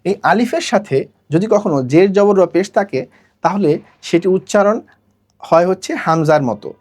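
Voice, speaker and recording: A Quran recitation teacher giving a pronunciation lesson, drilling syllables slowly and asking students to repeat after each one. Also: medium pitch, darkish tone.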